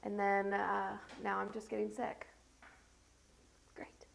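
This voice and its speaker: Speaking at a medium pitch with a gravelly voice and completely flat delivery, this woman in her thirties keeps a moderate pace. She hosts a casual get-ready-with-me vlog from home, rambling with plenty of fillers while sounding congested and stuffy-nosed. The audio is poor, with slight background noise.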